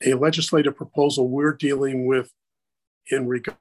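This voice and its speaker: A man speaking at a virtual committee meeting, halting with many fillers, his video-call audio choppy and breaking up. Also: mid-range voice, level tone, darkish tone. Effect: choppy, garbled video-call audio that breaks up. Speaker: committee member.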